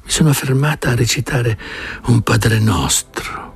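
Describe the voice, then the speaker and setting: A man voicing a weary old village woman who speaks slowly in a hushed, confiding way in an audiobook reading. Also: medium pitch, vocal fry, voice pushed up.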